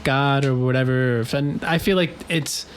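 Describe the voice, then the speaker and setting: A man co-hosting a casual philosophy podcast, asking questions in an excited, rambling way. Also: mid-range voice, normal speed, slight background noise. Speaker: podcast co-host.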